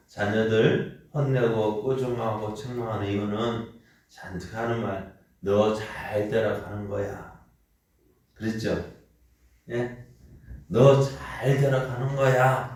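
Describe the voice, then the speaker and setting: A man pastor giving an early morning sermon in a conversational way, often asking the congregation questions. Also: lowish voice. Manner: acts out quoted parents with shouted lines. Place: church sanctuary. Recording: very echoey room, mic at a distance.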